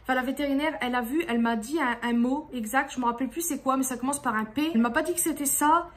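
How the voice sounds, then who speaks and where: High-voiced exasperated woman vlogger. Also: fast talker. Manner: exasperated, rambling, with frequent restarts. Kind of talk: casual venting vlog.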